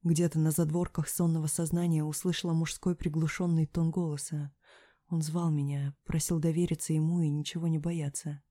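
A woman reads a first-person story aloud in a low, mellow voice, recorded close and dry. Her delivery is emotional, sinking into hushed whispers and rising into anguished cries. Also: flat delivery, brisk, no room sound. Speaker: audiobook narrator. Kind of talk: first-person dramatic audiobook reading.

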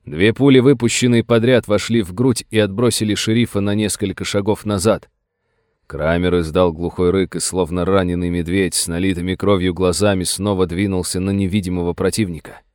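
A man reading a western adventure novel aloud in steady, dramatic audiobook narration. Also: sits low, a little fast, no room sound, studio quality.

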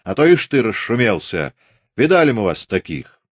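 A man's voice: fairly low pitch, very animated, normal speed, no echo, pitched above the performer's own voice. Man playing an insolent sneering Cossack soldier. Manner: sneering rustic dialect.

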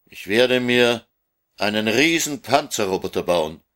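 A man's voice: fairly low pitch, lively intonation, a little slow, a bit bright. A man voicing a lonely orphan boy in a storybook reading, insistent and guarded. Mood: stubborn. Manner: insistent, repeating his demands.

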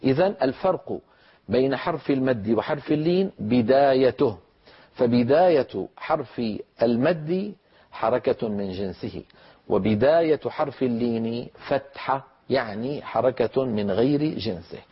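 A man teaching Quran recitation, explaining letter sounds, asking rhetorical questions and drawing out example sounds slowly. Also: mid-range voice, expressive, breathy edge. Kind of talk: lecture on letter pronunciation. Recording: dull lo-fi recording.

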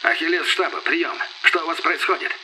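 A man's voice: a little high, steady tone, fairly quick, voice pushed up. A man reading an audiobook voices an anxious male colonel calling from headquarters, heard over a distant radio transmission crackling with static. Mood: urgent. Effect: distant radio transmission through static.

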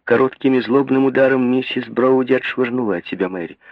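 A man narrating a novel as an audiobook in a measured, expressive way. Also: medium pitch, no room sound, narrow, tinny audio.

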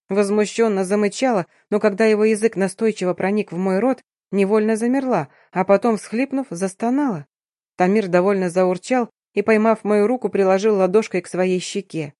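A woman narrating a first-person romance audiobook in a lively, expressive way. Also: mid-range voice, no echo, clean studio sound.

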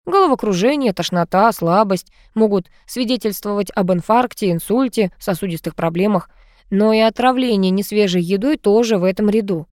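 A woman voicing a stern grown son who calmly accuses his wife, cool and cutting in manner. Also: high-pitched, normal speed, no echo, studio quality, close to an everyday voice. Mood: explaining.

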